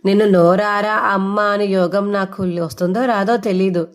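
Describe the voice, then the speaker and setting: A woman's voice: mid-range voice, steady tone, moderate pace, lightly acted. A woman voicing a grown son who teases his mother in a mock-serious, dramatic way. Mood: breezy.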